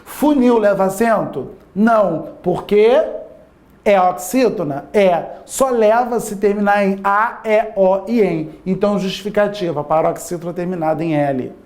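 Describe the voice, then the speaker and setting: A man's voice: high voice, a little slow, darkish tone. A man teaching a Portuguese grammar lesson, constantly asking his listeners rhetorical yes-or-no questions and stretching out key words for emphasis.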